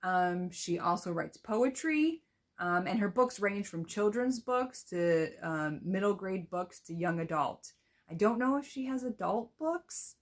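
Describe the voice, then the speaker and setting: A young woman teacher explaining how to read picture books to children, then reading one aloud with expression. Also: mid-range voice.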